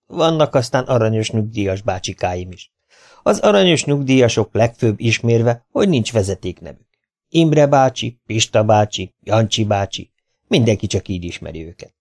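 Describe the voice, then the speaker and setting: Low-voiced man reading a wry memoir. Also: animated, a little mellow. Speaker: audiobook reader. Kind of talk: audiobook narration of a memoir.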